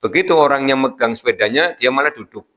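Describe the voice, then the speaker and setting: A male preacher with a Javanese accent and a bright, forceful tone delivers a morning Quran lecture. He works through Arabic verses phrase by phrase, drops in homely jokes, and turns to address the congregation directly. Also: mid-range voice, expressive, quick pace. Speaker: Islamic preacher.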